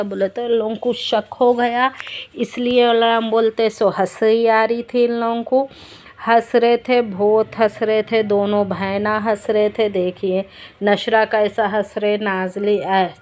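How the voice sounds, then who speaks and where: A woman's voice: mid-range voice, a little mellow. A woman, a mother narrating a family vlog in a rambling, repetitive way. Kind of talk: casual vlog voice-over.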